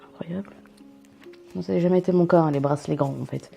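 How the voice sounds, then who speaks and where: Low gravelly-voiced woman chatting through an unboxing. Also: fairly even intonation, quick pace, dark tone, faint music behind. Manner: chatty, rambling, self-mocking asides. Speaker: vlogger unboxing a subscription box. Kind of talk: casual unboxing chat.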